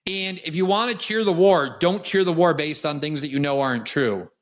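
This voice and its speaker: A man from South Florida, host of a political commentary show, speaks with emphatic indignation in a cutting monologue. His moderate pace pairs with a voice that sits a little high.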